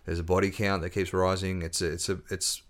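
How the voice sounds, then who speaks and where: A man's voice: low-pitched, brisk. A man, an author chatting as a podcast guest and telling stories with plenty of ums and restarts. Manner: storytelling, relaxed, with fillers and restarts. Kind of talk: casual interview chat.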